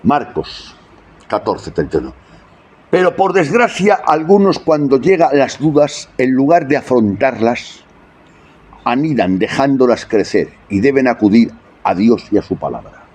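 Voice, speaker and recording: A husky-voiced preacher delivers a sermon. His pitch swings widely as he builds his points and keeps turning to the congregation with rhetorical questions. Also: lively intonation, unhurried, a little mellow.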